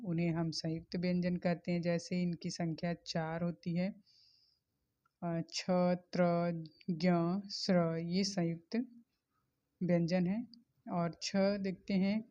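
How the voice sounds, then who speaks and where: A woman's voice: lowish voice, warm tone. A woman teacher giving a methodical revision lesson on grammar, spelling out letters and examples one by one. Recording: dull lo-fi recording.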